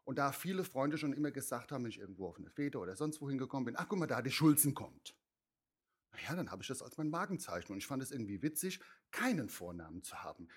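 A man from Mainz answers interview questions in a chatty, self-assured way. He is a drag artist, and his voice sits at an ordinary middle pitch. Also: big pitch swings, quick pace, breathy edge. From Mainz, Germany.

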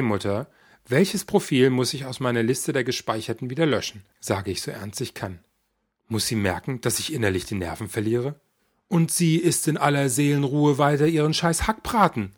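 A man reads a first-person story aloud with a slightly husky voice at a mid pitch. His delivery is wry and dryly exasperated, the style of an audiobook narration.

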